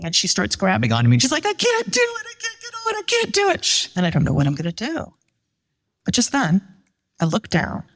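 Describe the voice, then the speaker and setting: A middle-aged woman telling a personal story at a live show, animated and voicing the people she quotes. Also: on the low side.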